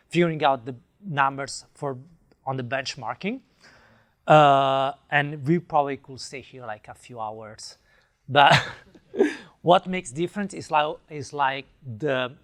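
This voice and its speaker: Here's a conference speaker from Italy, Italian-accented, whose voice runs high with a fairly bright tone. Enthusiastic and prone to fillers and restarts, he gives a tech talk and takes questions from the audience.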